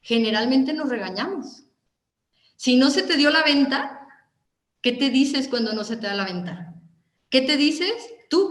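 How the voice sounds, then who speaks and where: A woman with a Mexican Spanish accent giving a motivational talk, animated and asking her listeners question after question. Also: a little high, echoey room. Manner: animated, asks the audience many questions. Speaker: motivational speaker.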